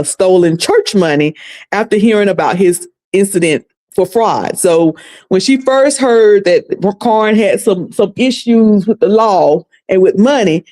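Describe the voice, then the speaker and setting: A woman hosting a casual commentary recap stream speaks in a medium-pitched, darkish voice with a Southern accent from North Carolina. Chatty and folksy, she talks to her viewers as "y'all" and "sugar."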